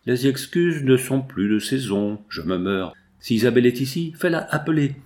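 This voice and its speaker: A man doing a wounded old knight at death's door, speaking in a weak, faltering way from a storybook, his pitch middling and steady. He pleads with slow, failing breath. The delivery stays close to a plain reading voice. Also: natural voice. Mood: faltering, pleading. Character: dying wounded older knight, a grave father.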